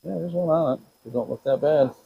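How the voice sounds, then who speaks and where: A man's voice: fairly high pitch, fairly quick, gravelly, narrow, tinny audio, slight background noise. A middle-aged man from Wisconsin talking casually to the camera while repairing equipment in his workshop, rambling and talking to himself. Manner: rambling, talks to himself, playful. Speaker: DIY repair vlogger.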